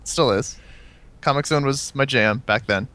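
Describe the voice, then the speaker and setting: A man's voice: medium pitch, unhurried, sharp tone. A man from Virginia, a quiz show contestant chatting casually, easygoing and teasing. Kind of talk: casual chat.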